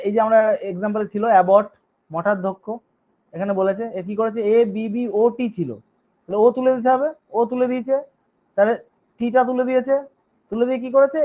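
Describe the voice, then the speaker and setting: Man, teacher, high voice, spells words letter by letter, checks in with students, dull lo-fi audio. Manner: reads rules in English, then explains them in Bengali. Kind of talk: online grammar lesson. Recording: dull lo-fi recording.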